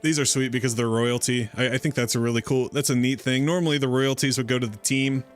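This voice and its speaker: A man's voice: mid-range voice, steady tone, fast, soft background music. A man hosting a casual crypto livestream, talking in a fired-up, rambling way with frequent restarts. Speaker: livestream host.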